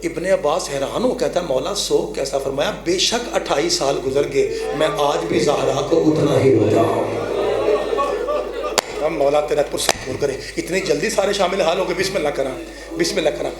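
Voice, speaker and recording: A man, a zakir giving an emotional mourning recitation, rising to loud high cries and sinking to hushed near-whispers while urging the audience on. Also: over a noisy crowd. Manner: addresses the audience directly, urging them to weep.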